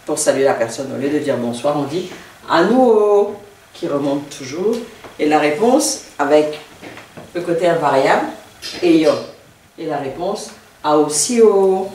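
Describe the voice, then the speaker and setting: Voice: medium pitch, moderate pace, darkish tone, echoey room, recorded from a distance, a little hiss or hum, low-quality recording. A language teacher giving a video lesson, speaking carefully and repeating each word several times while writing on a board. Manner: writes on a board while explaining.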